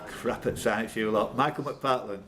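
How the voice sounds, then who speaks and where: A man with a lowish, sharp-toned voice reads questions live as a quizmaster at an indoor pub quiz tournament. He speaks at a moderate pace, trading informal teasing banter and stumbling through self-corrections, with a little hiss or hum on the audio.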